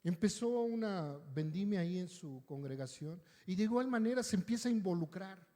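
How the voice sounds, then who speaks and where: A man's voice: high voice, expressive, moderate pace, mellow. A male pastor, preaching in a conversational, story-telling way and often checking in with his listeners. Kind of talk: storytelling sermon. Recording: long hall reverb.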